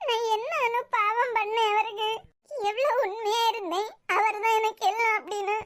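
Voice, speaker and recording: A woman's voice: very high-pitched, fairly even intonation, normal speed, fairly bright tone. A woman voicing a heartbroken young woman in a cartoon series, crying and pleading, with a Kanyakumari Tamil accent. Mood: tearful. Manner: tearful, pleading.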